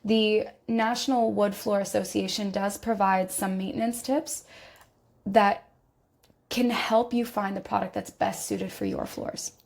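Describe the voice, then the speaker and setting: This podcast host is a woman with a medium-pitched, darkish voice that's gone scratchy and gravelly while she recovers from an illness. A slight cough lingers as she chats through a casual informational episode, using fillers and correcting herself along the way.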